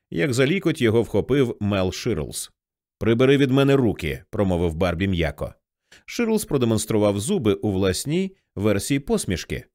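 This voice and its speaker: A man narrating a novel as an audiobook, with an animated pitch that rises and falls through each sentence. His voice sits at an ordinary middle pitch, and he changes it for the characters' lines. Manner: lively, shifts pitch for quoted characters.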